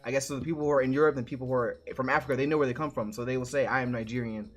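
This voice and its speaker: A man's voice: medium pitch, very fast. Male co-host, easygoing and rambling, on a video-call podcast, with music faint in the background. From New York. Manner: relaxed, rambling, thinks aloud with many restarts. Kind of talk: casual live-stream chat.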